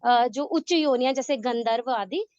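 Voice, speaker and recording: A woman explains a scripture verse in a halting way, stopping and restarting often. Her voice is high, and the recording sounds dry and a little muffled. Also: a little mellow, dry recording. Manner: hesitant, many restarts. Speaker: class participant.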